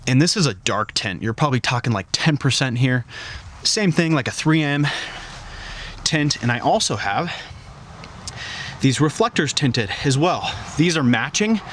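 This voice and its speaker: A man's voice: medium pitch, a bit bright, a little hiss or hum. A man shooting a casual car walkaround vlog outdoors in freezing weather, chatty and loose with lots of filler words, breathing a little hard from the cold. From Colorado. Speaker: car vlogger.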